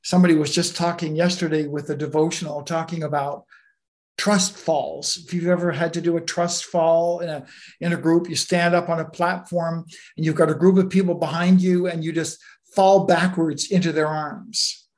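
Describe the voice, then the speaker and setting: A Bible teacher giving a conversational sermon, relaxed and full of everyday asides and stories. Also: mid-range voice. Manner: relaxed, anecdotal, with many asides.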